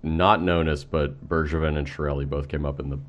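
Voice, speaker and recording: A man's voice: a bass voice, little pitch movement, brisk, muffled recording. A man co-hosting a casual hockey podcast, chatty and laughing often, with rambling restarts. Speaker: podcast co-host. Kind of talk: casual chat.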